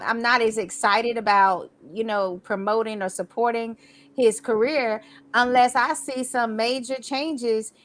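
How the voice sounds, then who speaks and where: A woman's voice: medium pitch, a bit bright. A woman co-hosting a boxing talk show, chatting casually and rambling with lots of fillers. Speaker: boxing podcast co-host. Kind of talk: casual chat.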